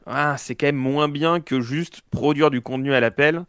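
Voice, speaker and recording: A man's voice: on the high side, normal speed, fairly bright tone, clean tone, no room sound, studio quality. A man with a slight lisp, his s slushing toward sh, discussing news in a casual, slangy way with sarcastic asides. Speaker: panelist.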